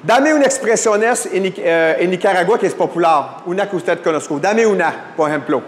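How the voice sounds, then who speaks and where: A man's voice: high voice, normal speed. A man teaching a Bible class to a live audience, often checking in with questions and slipping in English fillers. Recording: echoey hall.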